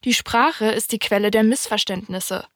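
A woman voicing a wise, wistful fox in an audiobook reading, speaking in a calm, thoughtful, explaining way. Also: medium pitch, moderate pace, no echo, studio quality, close to an everyday voice. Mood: patient.

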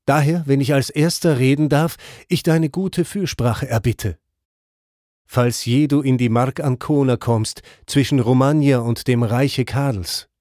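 A man's voice: mid-range voice, steady tone, measured pace, darkish tone, no echo, studio quality, lightly acted. A man reading aloud, voicing the soul of a murdered man solemnly asking for prayers. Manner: solemn, grave recounting.

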